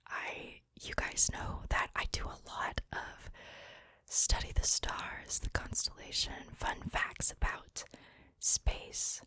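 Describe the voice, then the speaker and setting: A woman's voice: takes it slowly, sharp tone. A woman whispering breathily, very close to the ear, in a casual ASMR chat. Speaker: ASMR video maker. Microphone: very close to the mic, ear to ear.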